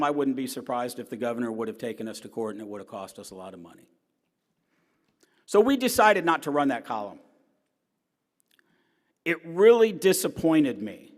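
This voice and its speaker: Speaking in a large hall with long reverb, a middle-aged columnist delivers a personal lecture in a loud, strong, fairly high voice. His earnest storytelling swings between emphatic statements and hushed asides.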